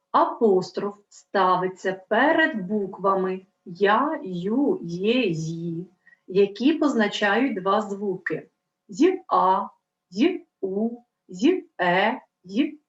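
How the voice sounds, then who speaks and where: A woman teaching a primary school language lesson, slowly and clearly spelling out sounds and counting letters for the children. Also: medium pitch. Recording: dull lo-fi sound in an echoey room.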